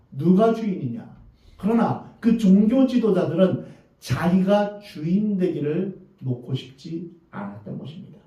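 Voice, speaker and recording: A man preaching a sermon to his congregation, earnest and measured, and he often puts rhetorical questions to his listeners. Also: a little high, warm tone. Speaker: pastor. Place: church sanctuary. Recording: very echoey, distant, dull church recording.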